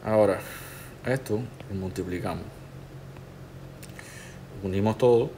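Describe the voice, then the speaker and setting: A tattoo artist teaches a digital stencil technique, talking the viewer through each step in a relaxed, instructive way. His voice is lowish and unhurried, with slight background noise behind it.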